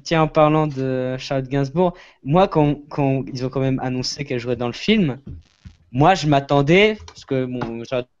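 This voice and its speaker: A man with a French accent on a casual film review panel, an excitable storyteller. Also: mid-range voice, moderate pace, lo-fi sound.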